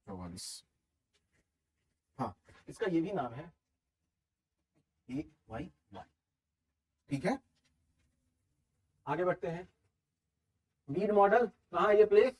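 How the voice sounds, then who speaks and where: A man with a Hindi accent teaching a class, briskly quizzing his students as he reviews questions. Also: sits high, expressive, a little mellow, breathy edge, far from the mic.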